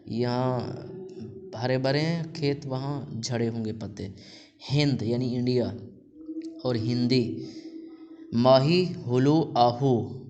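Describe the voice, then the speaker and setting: A man teaching a language lesson, reading out vocabulary words and explaining them slowly and patiently, often repeating a word several times. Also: mid-range voice, a little mellow, lo-fi sound, slight background noise. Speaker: Persian teacher.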